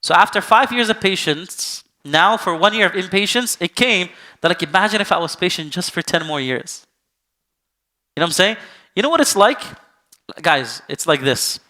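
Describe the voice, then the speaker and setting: A male Islamic teacher with a fairly high, bright, forceful voice delivers a sermon-style lesson in a conversational tone. He keeps asking rhetorical questions. Now and then he acts out the people he quotes. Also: animated, moderate pace.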